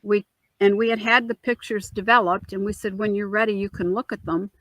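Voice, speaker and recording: A woman's voice: medium pitch, steady tone, a little fast, fairly bright tone, dry recording, low-quality recording. A woman, a mother, recounting a family ordeal in an interview with earnest feeling, acting out the dialogue she quotes. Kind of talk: emotional personal storytelling.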